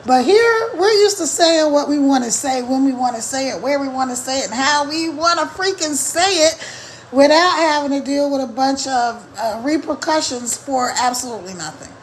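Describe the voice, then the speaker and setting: On a live stream, a middle-aged online marketing coach with a slightly hoarse voice chats casually, hammering home and repeating her main points. She sounds high and animated at normal speed, and the poor audio carries a little hiss or hum.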